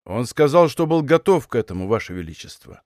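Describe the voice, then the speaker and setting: A man voicing a calm, defiant veteran musketeer captain in an audiobook, speaking low and restrained. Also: a little fast, no room sound, clean studio sound, natural voice. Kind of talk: audiobook character voice.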